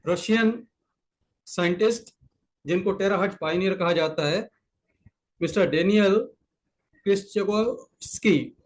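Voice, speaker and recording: A man with an Indian accent walks listeners through a talk over a video call, his voice sitting high. He explains patiently, repeating key points and slipping English terms into his Hindi. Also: low-quality recording. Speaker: presenter explaining a product's science. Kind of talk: online presentation sharing a screen. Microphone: computer mic on a video call.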